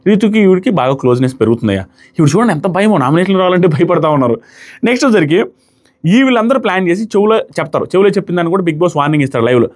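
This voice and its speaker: Racing through his casual take on a reality show, a man with a high voice acts out what the contestants said with lively energy.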